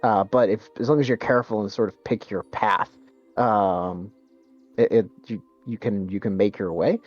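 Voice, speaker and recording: A man's voice: fairly low pitch, steady tone, moderate pace, lo-fi sound, faint music behind. A man narrating a tabletop game as game master, hesitant, with many fillers and restarts.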